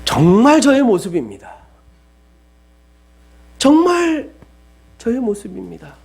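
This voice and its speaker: A man with a high voice delivers a sermon, rising to loud pleading and dropping to near-whispers. A faint mains hum runs underneath. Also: expressive, moderate pace. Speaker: preacher.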